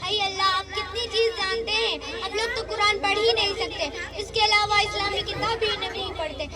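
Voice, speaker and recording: A woman's voice: extremely high pitch, normal speed. A woman playing a chatty young woman who questions and is then won over about veiling in an amateur religious skit, speaking with speech. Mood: questioning. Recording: loud crowd noise behind.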